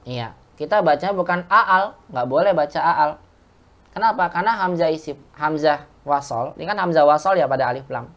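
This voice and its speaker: A woman's voice: sits low, lively intonation, normal speed. A woman teaching an Arabic lesson to a class, explaining step by step and asking the class questions. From Indonesia. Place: mosque classroom.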